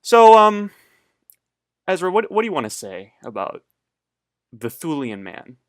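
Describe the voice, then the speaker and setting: A man's voice: sits high, big pitch swings, a little slow, smooth, no room sound. A young man co-hosting a casual podcast, rambling and hesitant with lots of fillers and swearing. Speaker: podcast co-host.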